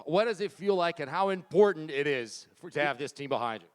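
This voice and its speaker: A man interprets live at a press conference. His voice is high for a man, and it comes through clean and resonant. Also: expressive, a little fast, smooth.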